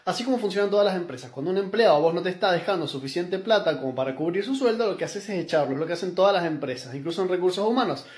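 A man's voice: high voice, lively intonation, rapid-fire, hardly any pauses, darkish tone. A man in his thirties with a Rioplatense Spanish accent, giving blunt, emphatic business advice straight to a phone camera in a small room at home. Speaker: business content creator. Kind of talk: direct-to-camera advice monologue. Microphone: phone camera held close.

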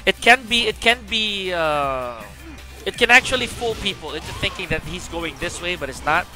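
A man giving casual live-stream game commentary, chatty and excitable as he greets viewers. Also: high-pitched, moderate pace, faint music behind.

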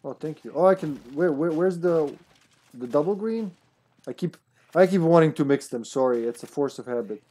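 A man in his thirties chatting casually and playfully as he streams a co-op game, excitable and talkative. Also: fairly high pitch, normal speed. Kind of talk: casual chat while playing a co-op game.

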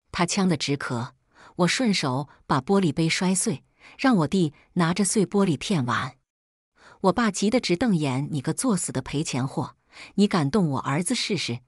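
A woman telling a first-person story as a scripted narration, in a steady, plain way. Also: lowish voice, husky, no echo, studio quality. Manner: steady, plain recounting of a harsh family story.

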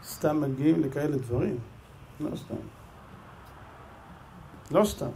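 A man's voice: on the high side, creaky, a little hiss or hum. A man with an Israeli Hebrew accent, a rabbi giving a sermon full of stories and acting out the dialogue. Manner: animated storyteller, acts out dialogue. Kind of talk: sermon with storytelling.

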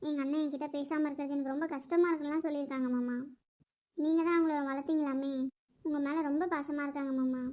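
A woman voicing a grieving young niece who pleads tearfully with her uncle in an animated drama. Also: high-pitched, quick pace, lo-fi sound, close to an everyday voice. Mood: pleading.

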